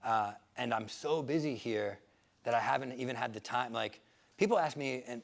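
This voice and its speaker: A man's voice: medium pitch, moderate pace, vocal fry. A man talking casually at a seminar as a real estate investor, conversational and rambling, full of fillers and restarts.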